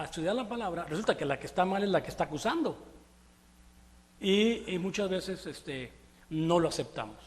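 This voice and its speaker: A man preaching a sermon, talking to his congregation in a conversational, animated way and asking them rhetorical questions. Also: high voice, long reverb tail. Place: church hall.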